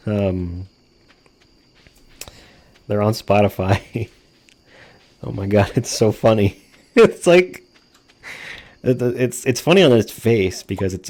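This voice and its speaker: A man's voice: on the low side, darkish tone. A man hosting a gaming video with casual commentary, speaking informally and jokingly with free use of swearing.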